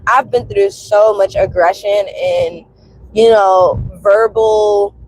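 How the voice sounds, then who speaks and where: Sounding congested from a cold, a woman in her twenties who hosts a personal commentary vlog confides in her viewers in a casual, emphatic, colloquial way. Her medium-pitched voice is steady, slow and a little mellow, captured on a low-quality recording.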